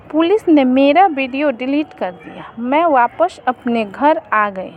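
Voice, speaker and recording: A woman narrating a first-person story in an earnest, measured manner. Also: high voice. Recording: muffled lo-fi recording with faint noise.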